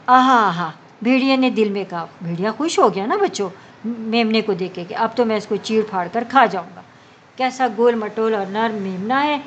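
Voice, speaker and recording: A woman teacher reads a story to young pupils, explaining each line in simple words. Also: mid-range voice. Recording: dull lo-fi recording with faint background hum.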